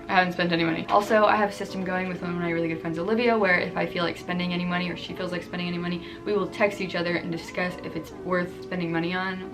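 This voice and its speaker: Young woman, rambling casual vlog chat, slightly low voice, music clearly playing behind. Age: 20s. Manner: rambling, self-deprecating. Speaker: vlogger. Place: apartment in New York. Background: background music.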